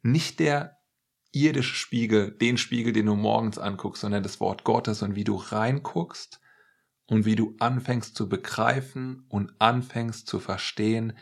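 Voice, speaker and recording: A man preaching a sermon in an earnest, measured way, stressing words slowly. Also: on the low side, gravelly, husky.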